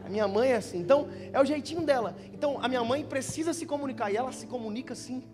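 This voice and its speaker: A man's voice: very high voice, very fast, in a large hall. A young man with a Brazilian Portuguese accent, preaching at a church youth conference and telling joking stories to the crowd. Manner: joking, storytelling, addressing listeners as brother. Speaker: pastor. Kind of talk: lively conference sermon. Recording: live church sound with music underneath.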